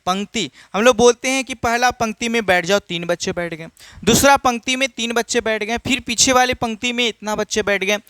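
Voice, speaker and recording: A man teaching maths speaks in a very high, slightly bright, smooth voice with no room sound. He's casual and repetitive, calling his students children and posing questions only to answer them himself.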